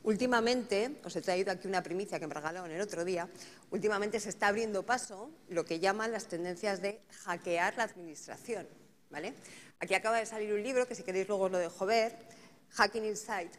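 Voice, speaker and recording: Speaking fairly quickly at medium pitch, a woman runs a conference panel, musing aloud and frequently tossing in tag questions. There's slight hiss or hum, plus hall reverb and faint ambience from the venue.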